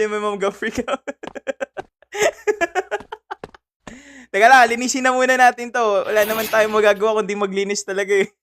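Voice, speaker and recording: A man's voice: very high voice, slight background noise. Jumpy, laughing Filipino game streamer man. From Philippines. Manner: laughs a lot, yelps and shouts when startled. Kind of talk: casual horror game livestream commentary.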